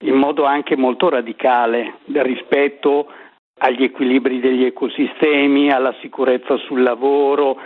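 An older man from northern Italy calling in to a radio show over the phone, earnestly recounting a formative personal experience and pausing to search for his words. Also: medium pitch. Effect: over the phone, tinny phone line. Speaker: radio caller. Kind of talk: personal testimony on a call-in show. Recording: tinny phone line.

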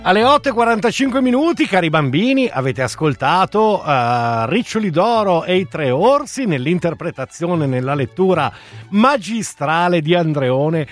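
A male radio host in quick, playful, teasing banter with his co-host. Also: high-pitched, sing-song, soft background music. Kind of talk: casual, joking radio banter.

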